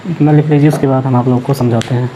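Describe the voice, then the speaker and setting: A man teaching English grammar, explaining in Hindi and slowly dictating words while he writes them on a board. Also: medium pitch, level tone, noisy background. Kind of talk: classroom lesson explaining grammar.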